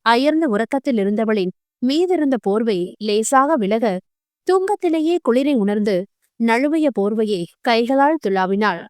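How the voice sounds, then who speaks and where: Woman, scripted narration, steady storytelling, higher pitch, dry sound. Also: a little slow, dry recording. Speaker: audio novel narrator.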